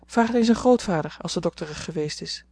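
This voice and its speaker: A woman's voice: lowish voice, lively intonation, fast, mellow. A woman voicing a spirited young sister who talks frankly and at times hesitantly.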